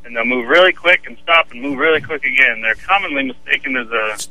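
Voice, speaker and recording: A man's voice: medium pitch, quick pace, sharp tone, dry recording, low-quality recording. A man calling in as a pest control expert, describing bugs casually with many fillers. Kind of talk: phone-in interview.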